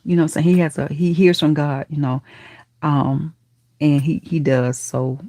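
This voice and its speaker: Woman host, live chat, fairly low pitch, dry sound, affectionate, churchy. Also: steady tone, moderate pace, no echo. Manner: warm affectionate auntie talk, calls viewers baby and honey; churchy, speaks of God and blessings. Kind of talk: casual live chat reading comments.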